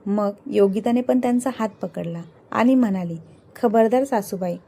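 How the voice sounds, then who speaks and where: A woman narrating a dramatic family story in a steady storytelling manner. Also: mid-range voice, normal speed, creaky.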